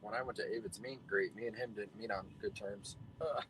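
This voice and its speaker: Low-voiced young man in his twenties. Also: fairly quick, a bit bright, slight background noise, rough recording. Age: 20s. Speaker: fishing partner. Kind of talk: casual storytelling chat. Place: outdoors on a fishing boat.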